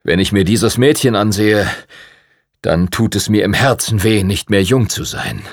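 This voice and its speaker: A man's voice: a little slow, no room sound, studio quality. A man voicing an older male prince who is impatient and pompous, lecturing in a stern tone. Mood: admiring. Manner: stern, lecturing, booming laugh.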